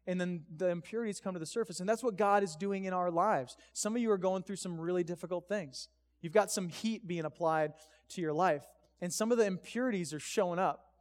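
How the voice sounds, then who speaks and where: Chatty high-voiced male preacher. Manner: casual, chatty, many fillers and restarts. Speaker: pastor. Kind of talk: storytelling sermon. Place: church sanctuary, live service. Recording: echoey church hall.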